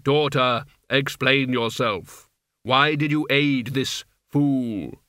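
Death, a man doing a slow commanding reaper. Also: mid-range voice, steady tone, sharp tone, no room sound, clean studio sound. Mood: stern. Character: Death, cold imperious male reaper.

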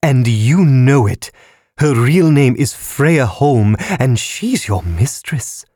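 A man voicing a nagging, scolding creditor balloon in a high squealing pitch. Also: sing-song, measured pace, a little mellow, no echo, studio quality. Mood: condemning. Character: shrill nagging creditor balloon, genderless thing.

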